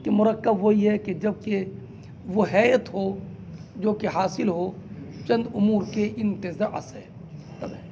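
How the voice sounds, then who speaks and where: High-voiced male teacher quizzing his class. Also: steady tone, slow pace, creaky, warm tone, highs cut off, slight background noise. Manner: quizzes students with repeated questions; addresses listeners as "beta". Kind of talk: classroom lecture.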